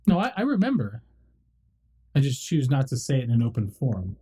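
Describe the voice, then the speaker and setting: A tabletop player joking and bantering through a casual game session. The voice is husky, and the pitch moves widely as the talk runs on. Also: wildly swooping pitch, a little fast, dark tone.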